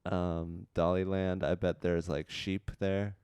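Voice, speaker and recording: A man with a very deep, dark and mellow voice chats as a comedian guest on a podcast. His delivery is casual and deadpan, with absurd joking. It is recorded dry and close to echo-free. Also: slow pace, smooth.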